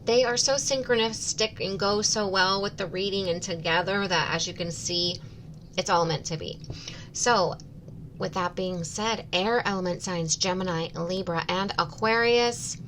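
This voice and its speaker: Slow-paced woman reading oracle cards. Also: mid-range voice, a bit bright, slight background noise. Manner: measured, deliberate phrasing with pauses. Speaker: oracle card reader. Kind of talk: slow, spiritual guided card reading, partly read out.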